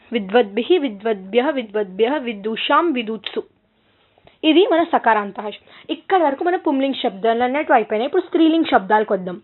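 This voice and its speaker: A woman teacher from Telangana with a Telugu accent, chanting Sanskrit noun declensions in a rhythmic recited lesson and checking in with her students. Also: high-pitched. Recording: tinny phone-like audio.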